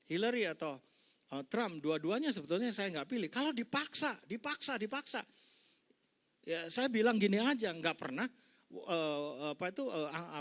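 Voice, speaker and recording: A male pastor preaches at a church service, telling a story and acting out both voices in its dialogues. His voice sits fairly high and swings widely in pitch as he tells it. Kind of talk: sermon. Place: church service in a mall hall.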